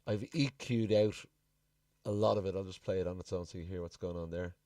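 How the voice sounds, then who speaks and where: Low-voiced man talking from off the mic. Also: fairly even intonation, brisk, warm tone, dry recording, studio quality. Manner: informal, thinking aloud. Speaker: music production tutorial presenter. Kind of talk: casual tutorial walkthrough. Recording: distant mic, music playing behind.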